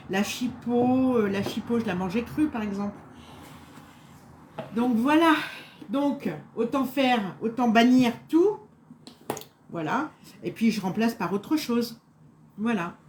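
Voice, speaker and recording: A woman talks viewers through a recipe in a loose, rambling way, full of fillers and asides. She sounds tired and a little on edge from a bad night. Her voice sits fairly high, with a faint hiss of room noise behind her. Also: a little mellow. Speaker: home cook presenting a recipe. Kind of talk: casual live cooking chat, answering viewers.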